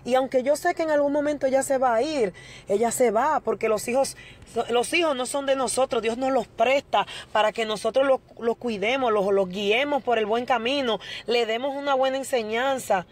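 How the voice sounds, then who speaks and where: A woman's voice: a little high, moderate pace. A middle-aged woman giving an earnest testimony to a church congregation and addressing her listeners as brothers.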